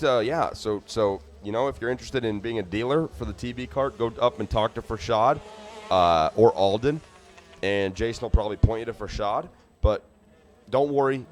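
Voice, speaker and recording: A man's voice: lowish voice, moderate pace. A man giving live race commentary in a chatty, joking way, rambling into funny asides between lap times.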